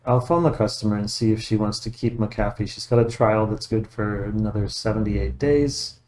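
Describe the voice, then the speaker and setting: Mellow-voiced man giving a tech walkthrough. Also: lowish voice, moderate pace. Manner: methodical, matter-of-fact, thinking aloud. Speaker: computer repair technician, video host. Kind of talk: casual screen-by-screen tech walkthrough.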